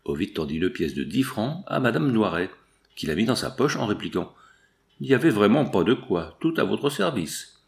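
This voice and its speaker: A man reading a classic novel aloud as an audiobook narrator, shifting his pitch for each character's lines. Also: big pitch swings, moderate pace, vocal fry.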